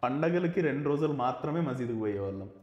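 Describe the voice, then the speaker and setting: A man with a Rayalaseema accent chats on a podcast, blunt and joking, slipping English words into his stories. His voice sits at an ordinary middle pitch for a man. The room around him is echoey. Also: animated, fast talker, a little mellow, highs cut off. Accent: Rayalaseema (Anantapur) Telugu. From Anantapur village, Andhra Pradesh. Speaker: stand-up comedian, podcast host. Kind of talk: casual podcast chat.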